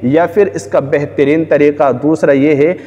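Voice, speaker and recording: A man's voice: a little high, steady tone, dark tone, long reverb tail, muffled recording. A man, a religious scholar, giving earnest religious advice to viewers and repeating phrases for emphasis. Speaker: Islamic scholar.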